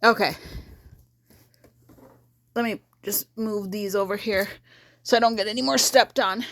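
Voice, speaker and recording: A woman in an easygoing beauty vlog, chatting to camera as she works. She rambles and thinks aloud, backing up to fix her own words as she goes. Her voice sits at a plain middle pitch. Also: fairly even intonation, unhurried. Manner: chatty, thinks aloud, corrects herself mid-sentence. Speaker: beauty vlogger. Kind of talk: casual rambling chat to camera.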